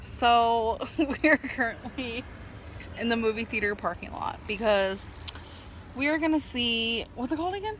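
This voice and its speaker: A woman's voice: a little high, animated, unhurried, background noise. A woman, chatting casually to her phone camera in a vlog, giggling as she talks. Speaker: vlogger. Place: parked car, home and store. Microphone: phone camera at arm's length.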